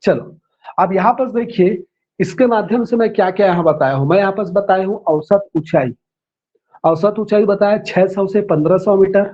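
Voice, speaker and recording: High-voiced man teaching, dull lo-fi sound. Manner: repeats terms slowly, spells them out; checks in with "है ना" and "ठीक है". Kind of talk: classroom lecture.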